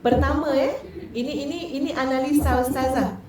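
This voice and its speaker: High-voiced Malaysian woman preaching in an echoey hall. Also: brisk, slight background noise. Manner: lively and conversational, questioning the audience. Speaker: female religious teacher. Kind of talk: religious talk to a women's audience. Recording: echoey hall, distant mic.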